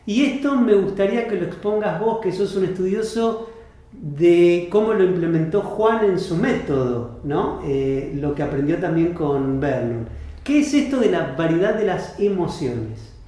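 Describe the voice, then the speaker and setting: A man's voice: high-pitched, lively intonation, a little slow, warm tone. A middle-aged man, a magician co-hosting a podcast, prompting his partner with questions and short agreements. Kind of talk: casual podcast chat. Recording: very echoey room.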